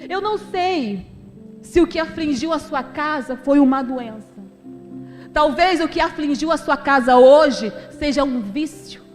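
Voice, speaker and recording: High-voiced woman testifying. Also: lively intonation, a little slow, big-room sound, soft background music. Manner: emotional, conversational, addresses the congregation as brothers. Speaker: deaconess giving a testimony. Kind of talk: church testimony. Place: church sanctuary.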